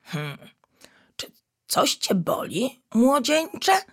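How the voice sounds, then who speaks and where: A fussy old baboon doctor, wise and thoughtful, who hums to himself between his words, as a woman reads him aloud. His voice swoops up and down with lively pitch. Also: drawn-out words, breathy edge, exaggerated voice.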